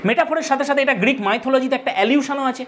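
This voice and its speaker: A woman's voice: high voice, very fast, a bit bright, a little hiss or hum. A woman teacher explaining a poem line by line, addressing her students directly and repeating key terms. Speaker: English literature teacher.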